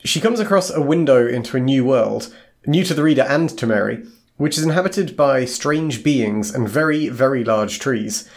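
A man co-hosting a podcast, recapping a chapter in a measured, unhurried way. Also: mid-range voice, lively intonation. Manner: measured, recaps slowly and clearly. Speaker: podcast co-host. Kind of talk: casual chat and chapter recap.

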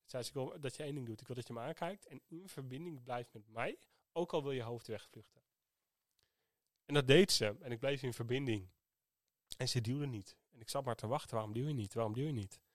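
A man's voice: medium pitch, fairly quick, no room sound, clean studio sound. A man hosting a podcast, telling a personal story in an earnest, reflective way. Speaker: podcast host.

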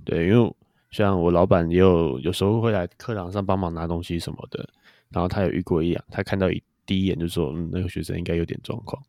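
A man's voice: sits low, steady tone, fast talker, warm tone, no room sound, clean studio sound. A young man, chatting casually as a podcast co-host and telling stories. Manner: chatty storyteller. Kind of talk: casual chat.

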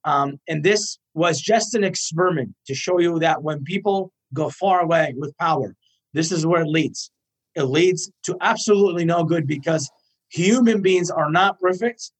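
A man in his thirties from Iraq answers interview questions with earnest force, stacking his points one after another. His voice sits a little high for a man. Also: normal speed, husky. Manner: earnest, emphatic, repeats points in lists. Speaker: guest.

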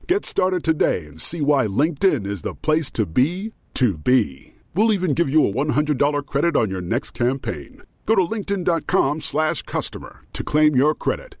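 A man's voice: mid-range voice, a little mellow, no room sound. A man announcer reading a scripted advertisement. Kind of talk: scripted ad read.

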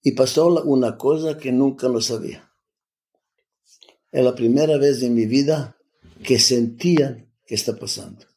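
Older man telling his story, halting. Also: mid-range voice, darkish tone. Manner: halting, restarts often, salty slang. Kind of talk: personal storytelling, casual.

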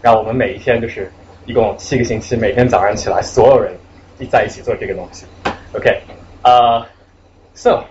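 Young guy speaker, halting, fillers, muffled recording with noise behind. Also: fairly low pitch. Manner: hesitant, many fillers, mixes in English words. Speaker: guest speaker at a salon. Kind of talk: casual live presentation. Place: event room before a small audience. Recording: muffled lo-fi live recording with steady background noise.

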